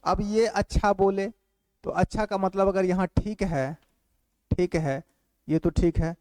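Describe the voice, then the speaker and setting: A man teaching a grammar class who repeats phrases slowly for note-taking and keeps asking quick check questions. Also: high voice, darkish tone, clean tone, no room sound. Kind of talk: classroom lecture.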